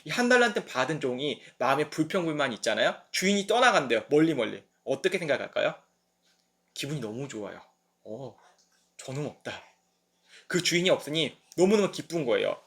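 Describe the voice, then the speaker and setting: A man in his youth delivers a sermon, his voice sitting a bit high for a man. He talks in a lively storytelling way, dropping into voices for the people he describes. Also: quick pace, gravelly. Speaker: pastor. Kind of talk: sermon at a midweek service.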